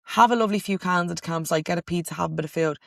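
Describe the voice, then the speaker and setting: A young Irish woman hosting a casual podcast, telling stories in a chatty way with quick asides and animated outbursts. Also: fairly low pitch, creaky, no echo, clean studio sound. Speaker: podcast host. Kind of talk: casual chat.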